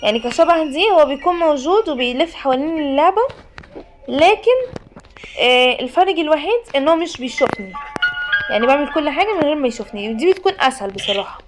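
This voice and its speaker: Woman, Egyptian Arabic accent, high voice, fast talker, horror game commentary, playful, game music behind. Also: animated. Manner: chatty, jokey, talks and pleads with the game. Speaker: gaming YouTuber.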